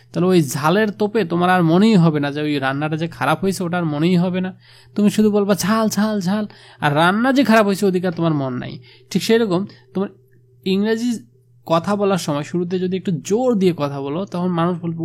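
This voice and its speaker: A man talks through a school text for his students in a relaxed, chatty manner. His voice is gravelly and sits a little high. He keeps nudging his points along with quick affirmations as he explains. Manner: casual, conversational, with frequent filler affirmations. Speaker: teacher.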